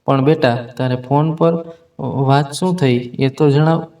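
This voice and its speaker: A man voicing a calm, caring mother of a grown daughter in a spoken story, talking gently. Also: mid-range voice, slow. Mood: soothing. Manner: soothing and gentle.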